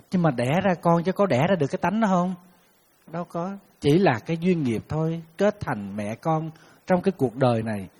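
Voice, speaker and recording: A man, a Buddhist monk giving a dharma talk, telling lively stories and acting out the people who call him. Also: husky, big-room sound. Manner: lively storytelling, acting out callers with sudden high bursts. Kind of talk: sermon.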